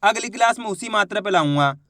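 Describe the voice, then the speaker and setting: A man's voice: high-pitched, lively intonation, fast talker, pushed and bright, dry recording, studio quality. A man teaching reading in an online lesson, sounding out words syllable by syllable and then blending them, while coaxing his viewers along as friends.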